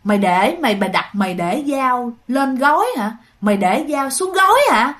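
A woman's voice: a little high, expressive, moderate pace, a bit bright. Brief: taunting unseen ghost, voiced by a woman, raised voice. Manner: taunting, repeated harsh questions. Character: menacing unseen choking ghost.

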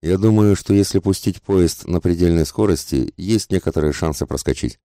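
A man's voice: low-pitched, normal speed, dark tone, dry recording, studio quality, natural voice. A man voicing a bold, reckless American train driver in an audiobook, lifting his voice for him. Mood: confident. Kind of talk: audiobook character voice.

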